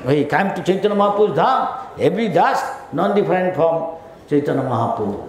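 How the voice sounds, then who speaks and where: A man preaches to a festival crowd, his voice high and full of swoops as he tells stories at an unhurried pace. The sound bounces around a huge hall, with a crowd murmuring beneath it. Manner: storytelling, animated, leads the crowd in chanting. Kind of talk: devotional sermon in mixed Bengali and English.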